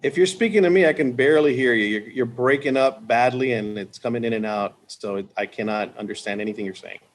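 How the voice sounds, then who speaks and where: A man's voice: mid-range voice, a little fast, rough recording. A man joining a meeting remotely, his call audio fading and dropping in and out as he repeats himself urgently. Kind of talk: official meeting talk.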